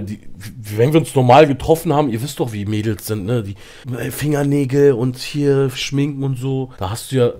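Male streamer, casual storyteller, very animated and slangy, mid-range voice with plenty of movement. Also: mid-range voice. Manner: slangy and animated, lots of fillers.

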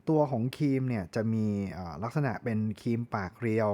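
A man's voice: medium pitch, animated, brisk, dark tone. A Thai man giving a chatty tool review, often correcting himself and spelling words out. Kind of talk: casual product review.

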